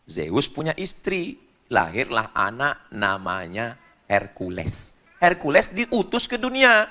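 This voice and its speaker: A man from Indonesia preaching a lively sermon to a congregation, jumping up in pitch for emphasis and jokes. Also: slow pace. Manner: animated, jumps high in pitch for emphasis and jokes.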